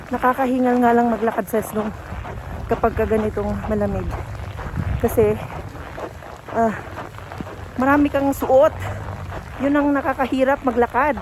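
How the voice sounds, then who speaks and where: A woman's voice: on the high side, steady tone, unhurried, pauses often. Woman vlogger, casual and chatty, slightly winded, noisy outdoor phone audio. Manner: chatty, gives friendly tips to viewers. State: out of breath while walking. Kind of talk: casual vlog narration. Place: outdoors in winter snow, walking.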